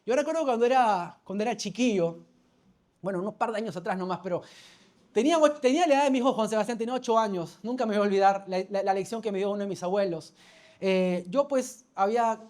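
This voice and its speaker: Pastor telling a sermon story. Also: male voice, high-pitched, fast talker, a little mellow. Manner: storytelling, calls for amen, self-correcting restarts.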